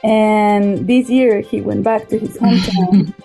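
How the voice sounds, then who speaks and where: A woman from Mexico guests on a casual podcast, a little nervous and hesitant. Her voice is warm and mellow at a middling pitch. Faint music plays under her. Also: steady tone, measured pace, vocal fry, breathy edge. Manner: a bit nervous, hesitant fillers.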